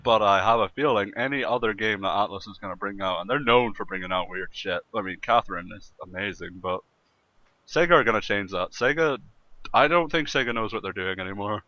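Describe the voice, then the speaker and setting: A man with a lowish voice talks a little fast, joking crudely and swearing as a co-host chatting casually on a group podcast. His voice sounds dull and muffled, as if through a voice-call microphone.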